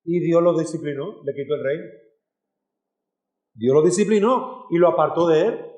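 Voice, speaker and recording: A man's voice: on the high side, moderate pace, darkish tone, roomy sound. A man preaching a sermon as pastor, earnest and direct, speaking to his congregation as brothers and sisters. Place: church hall.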